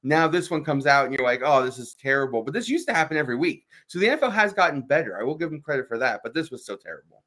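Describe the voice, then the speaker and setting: A man's voice: fairly high pitch, big pitch swings, bright, forceful tone. A man co-hosting a sports talk show, making emphatic points and often asking "right?". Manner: fast, emphatic, fills with "right?".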